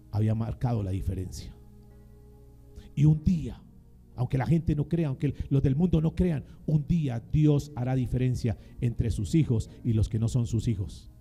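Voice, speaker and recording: Gravelly, dramatic male preacher. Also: mid-range voice, warm tone. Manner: dramatic call-and-response preaching. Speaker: pastor. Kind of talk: sermon.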